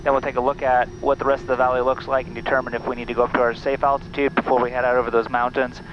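A man in his thirties speaks through a headset in a small plane's cockpit, calmly walking through each checklist item in order. His voice sits in a middle range and sounds a little muffled. Steady engine noise runs loud under every word. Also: mid-range voice, rapid-fire. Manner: methodical, running through checklists aloud. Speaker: bush pilot. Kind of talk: cockpit vlog narration and radio calls.

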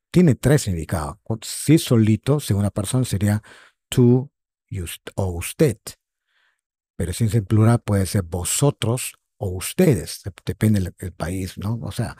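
Man, English teacher, slow drilling repetition, low and mellow voice, dry close sound. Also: husky, dry recording. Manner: slow, repeats words for drilling. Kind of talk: online English lesson.

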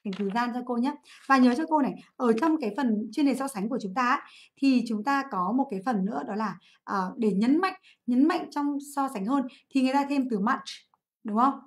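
A woman English teacher from Vietnam, giving a livestream exam review, asking her students questions and answering them herself. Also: on the high side. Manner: drills English words by repeating them slowly.

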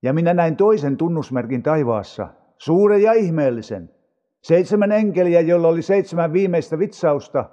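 Man reading bible aloud, slow and solemn, high-ish but mellow voice, long echo. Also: animated, muffled recording. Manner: measured, unhurried reading. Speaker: audio Bible reader.

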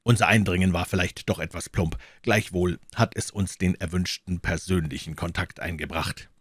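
A man voicing a calm, dry-witted male detective with a measured, polite manner, in an audiobook reading. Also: low voice, breathy edge, no echo.

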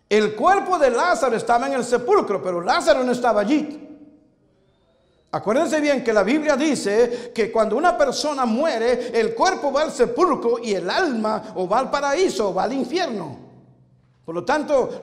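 Fervent pastor, very high male voice, repeats for emphasis; long hall reverb. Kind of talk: sermon. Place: church with congregation present.

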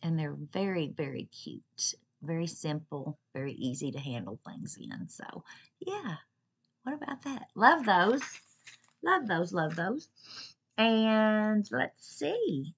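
A woman's voice: fairly low pitch, sing-song, slow, husky. A woman chatting casually to the camera at home about a shopping haul, gushing and repeating herself as she talks. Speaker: vlogger reviewing a shopping haul. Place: at home with her pets nearby.

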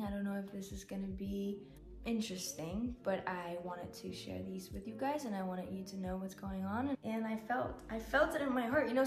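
Young woman, non-native english, stuffed up nose n slightly shaky voice, candid casual vlog chat, echoey bedroom. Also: mid-range voice. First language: not native English speaker. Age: young adult. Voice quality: congested, stuffy-nosed. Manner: candid, informal, swearing. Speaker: vlogger. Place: small bare bedroom, indoors, sitting on a bed. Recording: echoey room.

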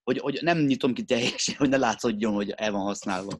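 A man's voice: mid-range voice, crowd noise. A man in a casual pub chat who explains things at length with dry humor.

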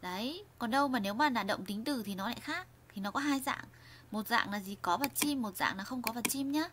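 A woman's voice: on the high side, animated, brisk, fairly bright tone, a little hiss or hum. Woman teaching grammar, lots of restarts. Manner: repeats and restarts often, asks the viewers questions. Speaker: Korean language teacher. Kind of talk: explaining grammar in a lesson.

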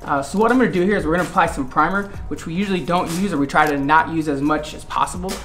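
A man's voice: fairly high pitch, a bit bright, soft background music. A man explaining vinyl wrap work step by step in a large indoor car shop, talking practically to the camera. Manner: quick, practical, instructive.

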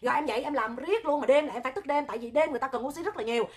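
A woman with a Southern Vietnamese accent hosting a livestream, talking loud, hot-tempered and animated, rambling with joking asides. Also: sits high, racing. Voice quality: loud, piercing voice. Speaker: livestream host, charity oxygen volunteer. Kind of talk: livestream talk to viewers.

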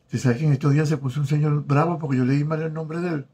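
Husky man chatting on a live stream. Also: a little high, steady tone. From Venezuela. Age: 40s. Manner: warm, flirtatious, reads viewer names aloud haltingly. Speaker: host of a live stream chat, former telenovela actor. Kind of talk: casual live-stream chat reading comments. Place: home in South Florida.

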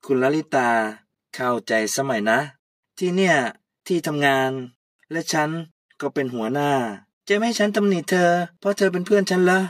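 A woman's voice: medium pitch, fairly quick, no room sound, clean studio sound, pitched above the performer's own voice, close to an everyday voice. A woman doing a haughty young woman boss. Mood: scolding. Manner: loud, scolding, haughty. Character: arrogant young woman, a newly promoted boss. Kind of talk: one-voice audio drama.

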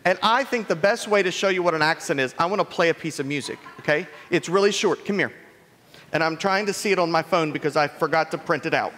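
A man talks fast in a slightly high, fairly bright voice as he gives a playful children's sermon, asking the children plenty of questions. The recording has echoey church-hall reverb and a little hiss or hum.

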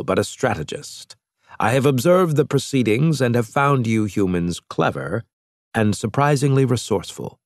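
A man's voice: medium pitch, no room sound, studio quality, voice pushed up. A man voicing a calculating male alien strategist with a scratchy, clipped, condescending delivery in an audiobook. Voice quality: scratchy disguised voice. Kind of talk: audiobook character voice.

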